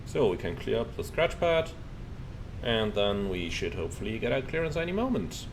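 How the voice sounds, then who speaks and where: A male airline pilot talking through his cockpit headset mic, calling checklists and radio calls calmly and adding relaxed asides. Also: fairly low pitch, moderate pace. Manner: calm, crisp call-outs, relaxed asides. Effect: pilot speaking into a cockpit headset mic. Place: airliner flight deck. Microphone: headset boom mic. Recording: steady cockpit air and engine hum.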